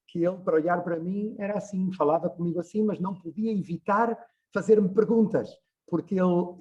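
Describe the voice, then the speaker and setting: A man's voice: on the high side, a little mellow, highs cut off. A man, giving an online lecture as a journalist, talking discursively with frequent hesitations over a video call. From Portugal.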